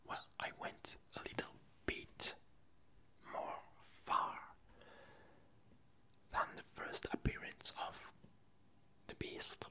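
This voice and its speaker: Games and films are the topic of this casual ASMR ramble, delivered in a breathy, unvoiced whisper. The creator is soft and unhurried, pausing while groping for words.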